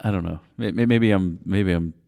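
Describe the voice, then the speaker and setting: Low-voiced laid-back male co-host. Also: normal speed, creaky, dark tone, dry recording, clean studio sound. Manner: laid-back, swears casually, hesitant. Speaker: podcast co-host. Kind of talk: casual chat.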